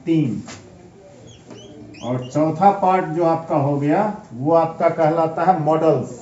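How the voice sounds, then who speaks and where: Male teacher, grammar lesson, spells words out, high mellow voice, echoey room, distant mic. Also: a little hiss or hum. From India. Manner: asks questions then answers them, spells words letter by letter. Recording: echoey room, picked up from a distance, slightly dull.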